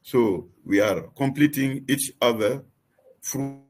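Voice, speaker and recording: Slow, husky man halting through an answer. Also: mid-range voice. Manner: halting, searching for words. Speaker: panel speaker for a wetlands organization. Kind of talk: answering a question in a webinar.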